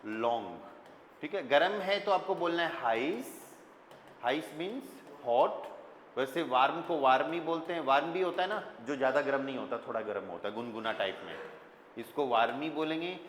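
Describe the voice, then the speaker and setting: A man's voice: mid-range voice, lively intonation, normal speed. Indian man teaching a class in a reverberant room. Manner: explains and quizzes students, spells words out letter by letter. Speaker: German teacher. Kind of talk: classroom lesson. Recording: echoey classroom with long reverb, faint room noise.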